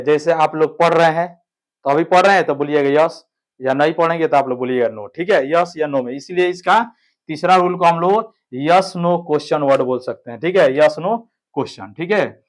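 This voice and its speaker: Guy teaching an online grammar class, slightly high voice, keeps asking ok?. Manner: explains step by step, keeps checking with "ठीक है".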